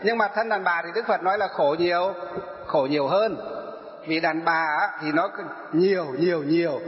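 High-voiced monk preaching in an echoey hall. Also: male voice, moderate pace. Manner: asks the crowd questions and answers them himself. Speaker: Buddhist monk. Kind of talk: dharma talk to elderly lay followers. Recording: echoey hall, dull sound.

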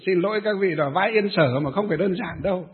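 A man's voice: high-pitched, quick pace. A male Buddhist monk giving a dharma talk and telling a story with many hesitant fillers. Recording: tinny phone-like sound.

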